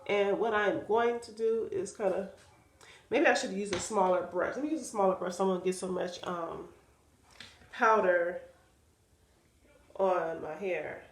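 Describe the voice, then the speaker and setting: A woman's voice: mid-range voice, unhurried, long pauses. Nasal-sounding woman in an echoey room. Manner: chatty, talks to viewers while working. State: stuffy, nasal from sinus trouble. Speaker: wig seller demonstrating a wig install. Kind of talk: casual how-to vlog chat.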